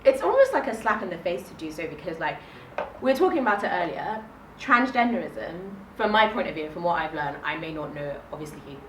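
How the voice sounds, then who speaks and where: Woman panelist, emphatic and insistent, lowish voice, recorded off-mic in a roomy space. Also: big pitch swings, brisk, a little hiss or hum. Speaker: discussion panelist. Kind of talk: casual group discussion. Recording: roomy echo, mic at a distance.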